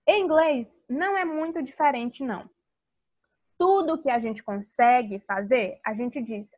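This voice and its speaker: A woman teaching English to young children in a video lesson, with a sing-song teacher manner and slowly spelled-out English words. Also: high voice. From Brazil. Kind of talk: recorded video lesson for kids.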